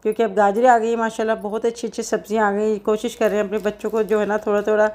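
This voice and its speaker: A middle-aged woman talks through her home cooking vlog in a chatty, rambling way, full of small fillers. Her pitch stays level and flat. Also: racing. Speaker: cooking vlogger. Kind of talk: casual home vlog chat.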